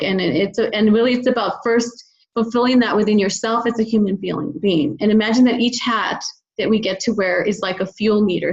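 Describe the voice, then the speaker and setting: A children's book author appears as a podcast guest, and her medium-pitched voice comes through with dull audio. In this conversational interview she offers personal reflections that sound earnest and encouraging.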